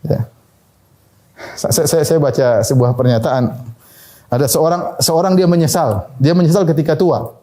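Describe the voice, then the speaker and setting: A man's voice: a little high, moderate pace, long pauses, dark tone. A male preacher giving a conversational sermon, laughing at his own asides and acting out the people he quotes in short bits of voice. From Indonesia.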